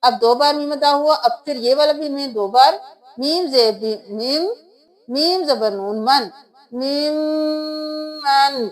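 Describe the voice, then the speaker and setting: A woman's voice: sits high, slow pace, low-quality recording. A woman teaching Quran recitation step by step, spelling out letters and sounds one by one. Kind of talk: step-by-step tajweed lesson.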